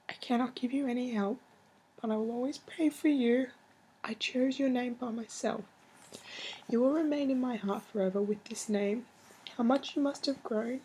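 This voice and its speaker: A woman's voice: a little high, normal speed, warm tone, low-quality recording. A woman reading a heartfelt love letter aloud in a tender, earnest way, with some background noise.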